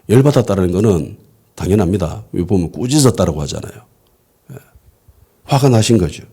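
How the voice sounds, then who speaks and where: A pastor preaches in a lively, conversational way, throwing rhetorical questions at the congregation. His low voice rises and falls a lot. It has a husky, mellow tone. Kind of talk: conversational sermon. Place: church worship service.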